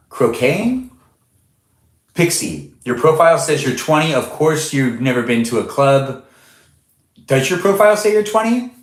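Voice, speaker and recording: Young male streamer in his twenties, casual and chatty, mid pitch, echoey room sound. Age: 20s. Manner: chatty, reads viewer names aloud, laughs often. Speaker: livestream host. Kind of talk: casual live-stream chat reading comments.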